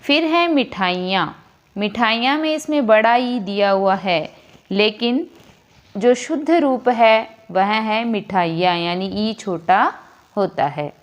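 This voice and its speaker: A woman teacher explaining a grammar lesson slowly and deliberately, repeating each word as she corrects it. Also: medium pitch, expressive, dull audio.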